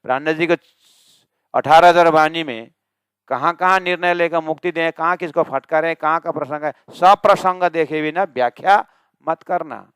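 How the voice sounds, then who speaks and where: A male religious teacher giving a scripture discourse, chanting verses slowly and explaining them with emphatic, rising questions. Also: on the high side, fairly bright tone, clear, resonant tone, dry recording, clean studio sound.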